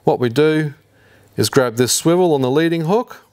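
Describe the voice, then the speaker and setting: A man in his fifties with an Australian accent, hosting a fishing tutorial in a garage workshop and explaining each step in a relaxed, slangy way. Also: on the high side, normal speed. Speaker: fishing channel host. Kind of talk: hands-on tutorial. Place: indoor garage workshop with shelves.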